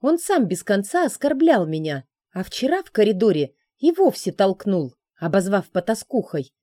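A defiant young student girl who fires back sharp, indignant retorts, as a woman reading the story puts her on. She speaks higher than the narration around her, in a dry, close recording. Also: animated, a little slow, no echo.

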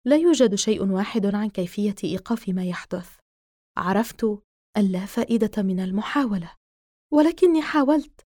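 A woman narrating a horror novel in the first person as an audiobook, in a steady, measured reading. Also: mid-range voice, no room sound, clean studio sound.

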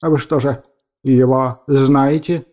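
A man's voice: mid-range voice, steady tone, slow pace, a little mellow, close to an everyday voice. A man playing a puzzled doctor. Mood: bewildered.

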